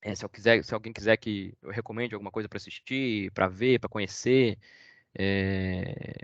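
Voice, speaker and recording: A man's voice: fairly low pitch, steady tone, moderate pace, dry recording. Man, Brazilian accent, hesitant rambling speaker, full of fillers, dry lo-fi call audio. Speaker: guest speaker. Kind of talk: casual online talk with Q&A.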